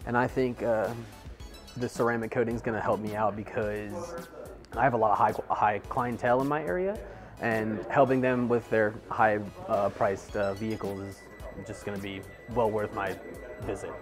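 A car detailer from North Carolina giving a hesitant interview answer, searching for words. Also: male voice, lowish voice, steady tone, moderate pace. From North Carolina, USA. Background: background music.

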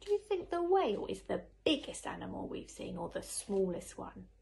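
A woman who seems to be in her thirties, a teacher, reads a picture book aloud from the living room sofa at home and asks young children questions as she tells the story animatedly. Her medium-pitched, creaky voice moves at a normal pace. A phone camera a short distance away picks it up along with slight background noise.

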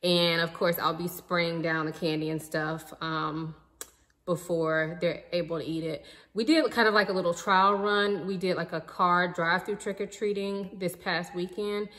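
This vlogger, a woman in her thirties, relaxes in her living room at home and chats to the camera about her recent buys, calling her viewers "y'all." Her pitch is fairly low and her pace moderate, and the audio has a long reverb tail.

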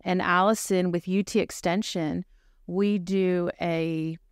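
Chatty middle-aged woman, lowish voice. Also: takes it slowly, clean tone, no room sound, studio quality. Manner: chatty, animated storyteller. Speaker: pregnancy medical center director. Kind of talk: casual chat.

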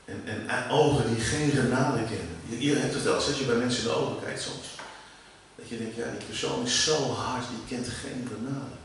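A middle-aged man with a Dutch accent preaching a sermon, animated, jumping up in pitch and volume for emphasis and often restarting his words. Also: moderate pace. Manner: animated, rising sharply in pitch and volume for emphasis, many repeated starts. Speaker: preacher and worship leader. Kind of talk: sermon teaching. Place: church hall. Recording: far from the mic in a very echoey room with faint ambient noise.

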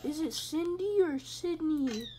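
High-voiced woman gaming, jokey and rambling. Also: animated, slow pace, warm tone, soft background music. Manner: jokey, rambling, sometimes drops to a whisper. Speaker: gamer. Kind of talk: let's play commentary.

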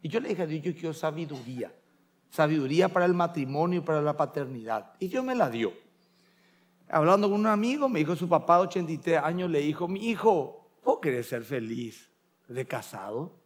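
Middle-aged male Paraguayan pastor, sermon delivery, storyteller, slightly raised pitch. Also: expressive, quick pace. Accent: Paraguayan Spanish. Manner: storytelling, acting out family voices in quotes.

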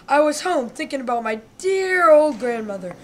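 Voicing a male big bad wolf for a comic radio play, a woman speaks high-pitched and very animated at a moderate pace. The wolf is a smooth-talking hustler who sounds aggrieved as he recounts his side with indignant self-pity.

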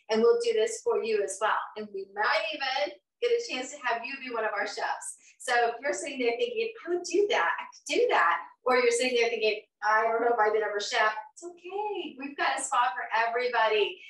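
A fairly high, somewhat bright female voice belongs to a woman in her fifties running a live cooking show from her home kitchen. She's chatty and encouraging, laughing often as she keeps up upbeat live-stream chatter. A distant camera mic picks her up, so the kitchen sounds roomy and far away.

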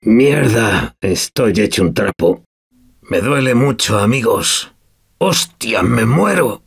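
Old war veteran, gruff, sardonic, cursing, game voice, lively pitch, slow. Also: male voice, exaggerated voice. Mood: wounded. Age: older. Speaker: game character. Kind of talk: video game voice lines.

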